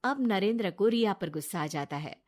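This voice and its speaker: A woman narrating a cartoon story in a plain, steady way. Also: mid-range voice, normal speed.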